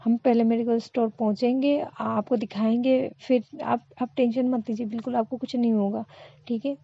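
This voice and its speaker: A woman's voice: fairly high pitch, fairly even intonation, vocal fry, lo-fi sound. A woman voicing an anxious, caring young woman who keeps asking worried questions in a storybook tale. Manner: worried, pleading, fast questions.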